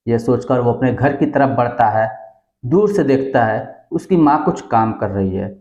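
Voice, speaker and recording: Male storyteller, mellow tone, lightly voices characters, roomy echo. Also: medium pitch, normal speed. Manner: addresses listeners as friends, acts out dialogue lightly. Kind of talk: storytelling narration. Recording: muffled, echoey room.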